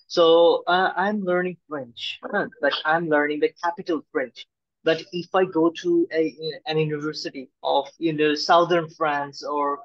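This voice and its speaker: A young man interviewing casually over a video call, speaking in a halting way with dull, lo-fi sound. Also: fairly high pitch, no echo. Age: young adult. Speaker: interviewer, host. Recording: dull lo-fi call audio, dry.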